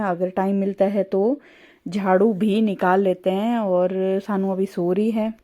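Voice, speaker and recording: A woman's mellow, medium-pitched voice carries a casual home vlog as she does chores and talks to her viewers. In her thirties and speaking with a Rajasthani Hindi accent, she whispers so that her husband, who is asleep, isn't woken.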